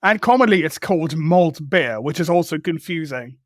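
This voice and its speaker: A man's voice: fairly high pitch, expressive, normal speed, dry recording, studio quality. A man co-hosting a tech podcast, chatting casually in a rambling way, with restarts and the odd swear word. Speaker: podcast co-host. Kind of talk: casual chat.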